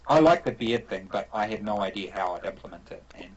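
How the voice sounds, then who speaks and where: Low-voiced New Zealand man, rambling. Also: lively intonation, fairly quick, dull audio, a little hiss or hum. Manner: thoughtful, rambling, with many fillers and restarts. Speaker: game developer guest. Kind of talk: casual interview answers over an online call.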